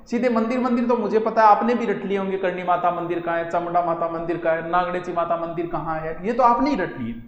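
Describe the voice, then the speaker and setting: A man teaching an exam-prep lecture, animated, asking and answering his own questions. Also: high voice, fast talker, few pauses, highs cut off. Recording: echoey room with long reverb.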